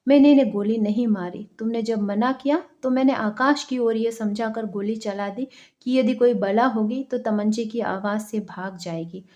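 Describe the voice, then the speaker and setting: A woman's voice: on the high side, normal speed, hardly any pauses, warm tone, lightly acted. A woman voicing a stern middle-aged landowner and father who speaks firmly, in a storybook reading. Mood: reassuring.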